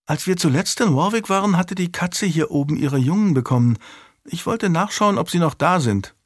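A man's voice: a little high, lively intonation, normal speed, no room sound, voice pushed up. A man voicing a curious, precocious five-year-old noble girl in an audiobook, with a dry close sound. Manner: prim and precocious.

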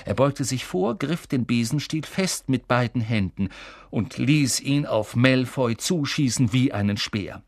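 A man reading a story aloud in an animated storytelling manner. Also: mid-range voice, measured pace, no echo, studio quality. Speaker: audiobook reader. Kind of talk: scripted narration.

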